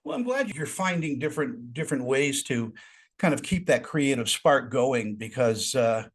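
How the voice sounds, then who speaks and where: A man's voice: mid-range voice, expressive, moderate pace, breathy edge. A man hosting a celebrity interview, asking friendly, encouraging questions with occasional stumbles. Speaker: interviewer, host.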